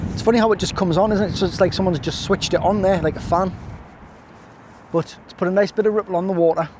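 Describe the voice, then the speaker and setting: This chatty angling vlogger, a man with a slightly high, darkish voice, jokes and mocks himself while talking casually to camera as he fishes on a windy riverbank. A little hiss or hum is audible, and his camera sits on a stand that he occasionally wanders away from.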